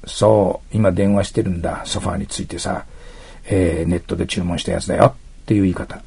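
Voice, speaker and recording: Gravelly male english teacher, dark husky voice, walks thru exam questions step by step. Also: deep voice, steady tone, a little fast. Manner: explains step by step, asks listeners to mark text. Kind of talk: exam prep lecture.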